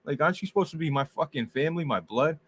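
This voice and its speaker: A man's voice: a little high, animated, fast, breathy edge. Male podcast host, casual, heavy slang and swearing. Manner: casual, profane slang, says bro a lot. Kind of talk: casual chat.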